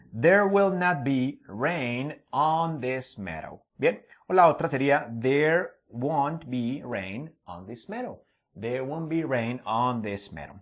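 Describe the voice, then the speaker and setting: Man teaching English grammar. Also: mid-range voice. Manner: explains slowly, repeats example sentences, voices students' questions to himself. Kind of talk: classroom-style grammar lesson.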